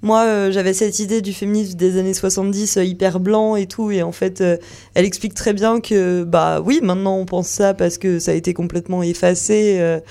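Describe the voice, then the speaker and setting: A woman columnist on a relaxed radio show, chatting easily about a book. Her voice sits at an ordinary middle pitch. She talks loosely, with frequent hesitations and restarts. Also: a little fast. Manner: chatty, many fillers and restarts, laughs easily. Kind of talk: casual radio chat.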